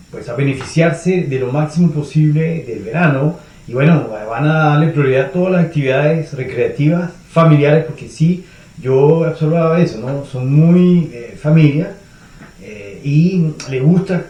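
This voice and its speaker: A Venezuelan man with a Venezuelan accent, a guest answering interview questions in a measured way, with frequent hesitations. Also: fairly high pitch, highs cut off. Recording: echoey room.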